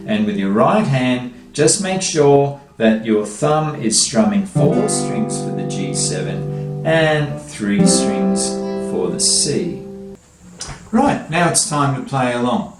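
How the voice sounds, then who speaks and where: A man's voice: medium pitch, animated, slow pace. A man teaching a children's guitar lesson, explaining each step patiently. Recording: echoey room, faint guitar music.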